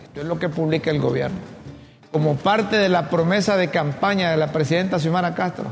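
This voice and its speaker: Gravelly-voiced Honduran man co-hosting. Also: on the high side, fairly quick, big-room sound, faint music behind. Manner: conversational, reads news notes aloud, hesitant restarts. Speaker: talk show co-host. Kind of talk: casual political chat.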